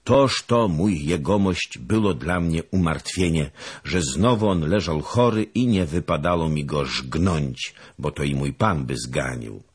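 A man's voice: a bass voice, measured pace, husky, full character voice. A man voicing a naive, eager young servant who tells his tale chattily and rises in surprise. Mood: explaining.

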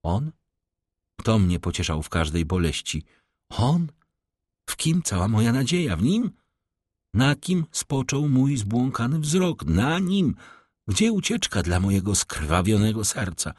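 A man reads an audiobook of a classic novel, voicing a desperate young woman in love who pleads imploringly in a tearful, raised voice. His voice, pushed up from its usual low side, is expressive, a little mellow, and measured, with clean studio sound and no room sound.

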